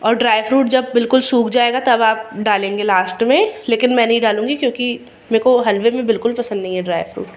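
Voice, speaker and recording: A middle-aged woman talks through a recipe in her kitchen video, her voice pitched a little high and roughened by a sore throat. She speaks casually and chattily, calling viewers friends and explaining each step. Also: steady tone, quick pace, hardly any pauses, a little hiss or hum. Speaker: cooking video host. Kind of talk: casual cooking demonstration.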